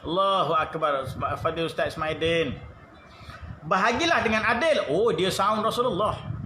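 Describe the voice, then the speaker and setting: A Malaysian Malay man giving a lively, jokey online evening religious lecture in a prayer room and reading out greetings from viewers. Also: sits high, reverberant, slight background noise. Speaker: religious teacher.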